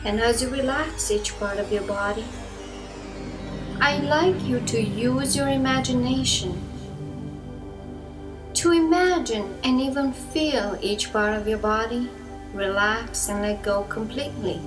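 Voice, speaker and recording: Slow soothing woman over new-age music. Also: a little high. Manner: soft, slow, soothing instructions. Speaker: hypnotist. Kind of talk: slow guided hypnosis induction. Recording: music bed behind the voice.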